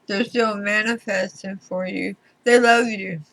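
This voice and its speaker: A woman giving a tarot reading to viewers in deliberate short phrases, her speech slightly slurred as if from a swollen mouth. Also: medium pitch, fairly even intonation, a bit bright. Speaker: tarot reader.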